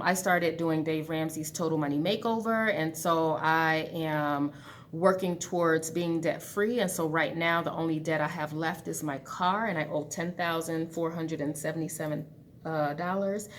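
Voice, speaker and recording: A woman in her forties talks straight to her laptop webcam from an empty classroom at work, candid and chatty as she explains her own budget. Her voice sits a little low, and a faint hum of the room runs underneath. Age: 40s. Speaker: budgeting channel host. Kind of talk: casual talk to camera.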